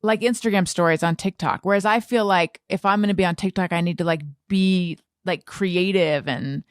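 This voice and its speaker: A woman with a lowish voice hosts a podcast, chatting casually at normal speed, candid and blunt with self-deprecating humour. The recording is dry and studio quality.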